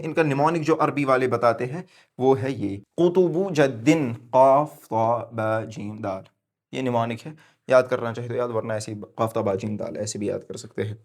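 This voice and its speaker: A tajweed teacher with a medium-pitched voice gives a classroom-style lesson on recitation rules. He asks himself questions and answers them, spells out letters slowly, and shifts between quiet explanation and loud, emphatic stress on the rules.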